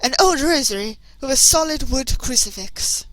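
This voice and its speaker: A woman voicing a posh, observant young English gentleman with a plummy, slightly effeminate delivery in a game playthrough. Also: sits high, lively intonation, moderate pace, dry recording, pitched above the performer's own voice. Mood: prim, observant. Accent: posh British.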